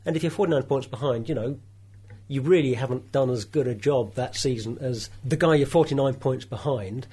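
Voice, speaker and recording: A man with a croaky, husky voice from a cold, chatting casually as a panellist on a motor racing show. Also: a little high, mellow. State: has a cold.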